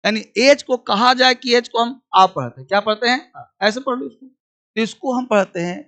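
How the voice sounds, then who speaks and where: High-voiced male teacher. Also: expressive, pushed and bright. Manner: repeats phrases slowly for dictation; questions the class and answers himself. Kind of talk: classroom grammar lesson.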